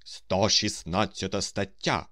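A man's voice: deep voice, fairly even intonation, takes it slowly, bright, forceful tone, no room sound, studio quality, full character voice. A man playing a shy, hopeful driver who speaks in a timid, matter-of-fact way.

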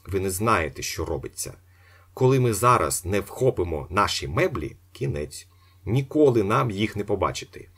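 A man voicing a brash, boastful young swindler in an audiobook, with a husky voice. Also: on the low side, big pitch swings, moderate pace, fairly bright tone, full character voice. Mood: cold. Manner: brash, commanding, theatrical. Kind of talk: audiobook character voice.

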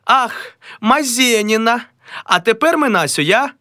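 A hurried, fussing middle-aged wife in a stage comedy, put on by a man reading the play. The voice sits high and bright, urging and bustling, with a slow and deliberate delivery. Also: lively intonation, dry recording, studio quality, heavily acted. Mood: fussy.

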